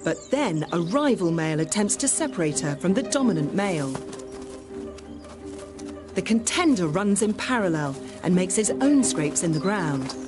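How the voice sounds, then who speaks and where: Nature documentary narrator, woman, lower register, expressive delivery over music. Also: moderate pace.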